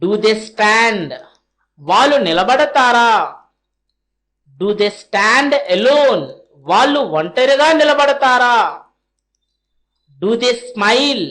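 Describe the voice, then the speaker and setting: Woman language teacher, high voice, painfully slow drill delivery. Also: lively intonation, fairly bright tone. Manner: slow, deliberately spaced English phrases, each followed by a translation. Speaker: spoken English teacher.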